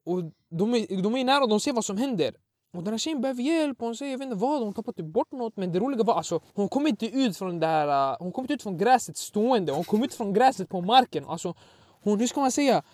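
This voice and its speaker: Young man, high voice, slangy animated storytelling, dry close sound. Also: no echo. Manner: slangy, animated, many fillers, acts out voices. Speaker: podcast co-host, storyteller. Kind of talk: casual storytelling chat.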